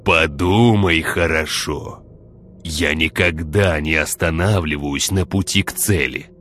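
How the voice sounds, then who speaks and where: A man voicing a calculating gang boss who speaks in a slow, measured, menacing drawl. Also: low-pitched, a bit bright, a little hiss or hum. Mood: cold.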